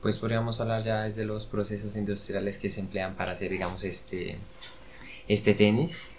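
Deep, flat-voiced man explaining. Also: a little hiss or hum. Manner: measured, explaining patiently, hesitant fillers. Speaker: guest expert. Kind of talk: casual explanatory chat.

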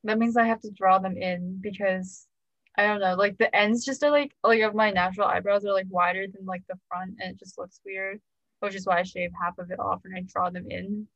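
A woman's voice: mid-range voice, fairly even intonation, a little fast, a bit bright, no room sound. Young woman co-host, chatty and self-mocking. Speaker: podcast co-host. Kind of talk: casual chat. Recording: dull lo-fi sound.

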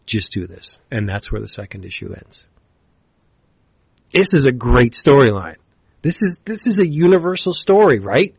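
A man co-hosting a comics podcast, retelling a story in a casual, animated way and acting out the characters' lines. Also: medium pitch, normal speed, creaky, long pauses, slightly rough, no room sound. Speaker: podcast co-host reviewing comics.

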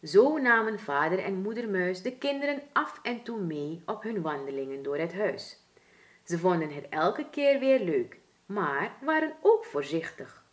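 A woman with a Surinamese Dutch accent reads a children's storybook aloud, taking her time over every sentence. Her voice swings lively up and down as she tells it. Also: fairly low pitch. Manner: expressive, deliberate.

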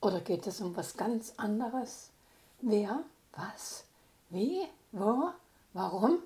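An older woman, a grandmother, calmly reading her own story aloud. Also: medium pitch. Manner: calm, unhurried storytelling.

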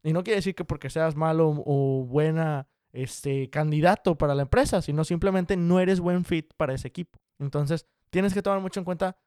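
A young man giving casual career advice straight to the viewer, direct, brisk and encouraging. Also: on the high side, darkish tone, smooth, dry recording, studio quality. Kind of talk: casual explanatory talk to viewers.

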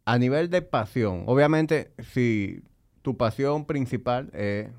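Mid-pitched Dominican man in casual chat. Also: expressive, slow pace, a little mellow. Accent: Dominican Spanish.

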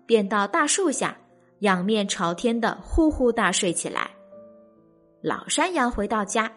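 Young woman, lively bedtime storyteller. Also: a little high. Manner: gentle, animated storytelling.

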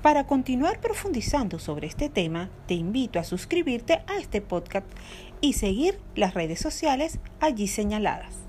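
A woman, a language teacher, giving a scripted podcast lesson in a clear, deliberate way, stressing each example word. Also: fairly high pitch, very animated, a little mellow, a little hiss or hum.

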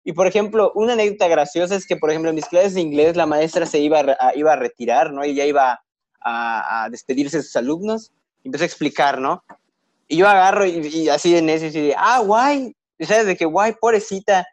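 A man's voice: on the high side, fast, no echo. A young man from Yucatán with a Yucatecan Spanish accent, a guest telling stories in a casual podcast chat, acting out the people he quotes. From Yucatán, Mexico. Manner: animated storyteller, acts out quoted voices.

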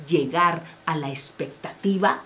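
A woman hosting a faith-based podcast, talking in a passionate, preacher-like way and swinging between soft and loud passages. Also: sits low, measured pace, slight background noise. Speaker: podcast host.

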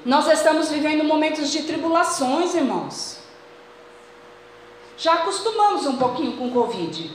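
A woman's voice: high-pitched, lively intonation, normal speed. A woman with a Brazilian accent preaching a fervent sermon to her congregation in a church. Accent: Brazilian Portuguese. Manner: fervent, addresses congregation as brothers. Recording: very echoey church hall, faint noise.

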